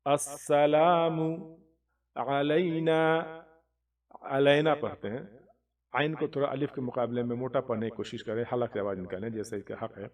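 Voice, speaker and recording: A man teaching recitation. He draws out the Arabic words slowly between quick explanations. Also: medium pitch, fairly even intonation. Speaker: religious teacher. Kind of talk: recitation lesson. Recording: distant, muffled recording.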